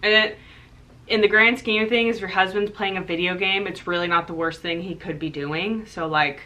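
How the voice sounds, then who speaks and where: A young woman with a bright, forward voice sits in easy conversation, answering viewer questions. Her talk is loose and chatty, full of "like," and she laughs often. She speaks a little lower than most women. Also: fairly even intonation, moderate pace, poor audio. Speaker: co-host of a couple's channel. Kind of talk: casual Q&A chat.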